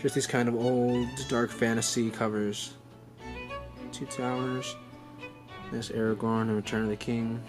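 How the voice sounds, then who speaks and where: Speaking at a measured pace with long pauses, a young man hosts a casual, unscripted unboxing vlog over background music. His medium voice barely moves in pitch, and he rambles enthusiastically like a devoted fan, often correcting himself.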